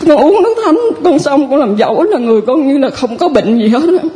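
A woman with a southern Vietnamese accent, a parishioner giving a personal testimony in a halting, rambling way with many restarts. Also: high voice, lively intonation, mellow.

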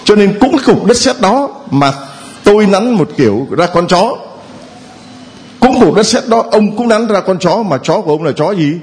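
A man's voice: sits high, animated, normal speed, slight background noise. A man preaching a homily who keeps a playful tone, quizzing the congregation with questions and chuckling between points. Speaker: priest.

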